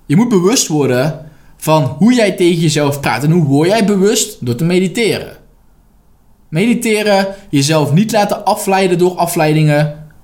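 Man, life coach, motivational podcast talk, direct, emphatic, fairly high voice, very animated pitch. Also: normal speed. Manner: direct and emphatic, coaching the listener, with blunt swearing.

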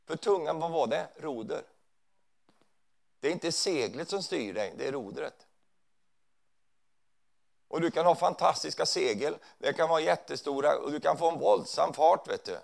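A man's voice: fairly high pitch, vocal fry, long pauses. A man preaching in a church hall, conversational, often checking in with his listeners. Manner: conversational preaching with frequent tag questions. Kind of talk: sermon.

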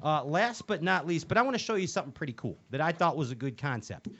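A man hosts a casual fishing chat, rambling and joking through plenty of fillers. His voice sits a bit high and swings widely. The recording is dull and lo-fi. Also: sing-song, fast talker, a bit bright, husky. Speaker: host. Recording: dull lo-fi sound.

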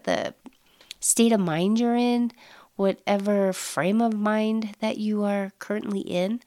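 A middle-aged woman hosts a casual solo podcast in a mid-range voice, effusive and upbeat, dropping soft breathy asides while sounding nasal from allergies.

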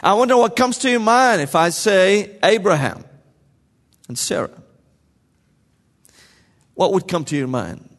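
Lively high-voiced preacher, echoing hall. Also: male voice, a little slow, pauses often. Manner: lively, joking, calls to the congregation. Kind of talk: sermon. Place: large church sanctuary.

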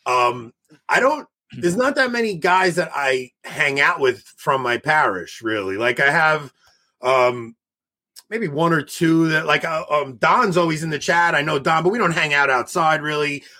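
Excitable forty-year-old man, bright husky voice. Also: fairly high pitch, measured pace. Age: 40s. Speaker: podcast host. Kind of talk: casual online chat.

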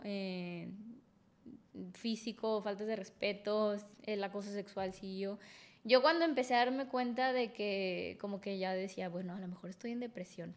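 A woman with a Mexican accent, a podcast guest telling a personal story frankly and emotionally, full of fillers. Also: mid-range voice.

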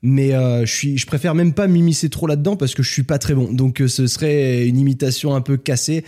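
Young French man chatting, mellow voice. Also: medium pitch, brisk. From France. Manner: relaxed, talkative, switches between French and English. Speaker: podcast host. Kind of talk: casual podcast chat.

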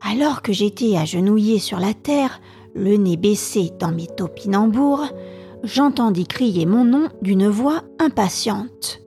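Woman storyteller, slow deliberate narration, breathy voice, soft music underneath. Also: medium pitch, lively intonation. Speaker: podcast storyteller. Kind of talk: scripted narration of a novel.

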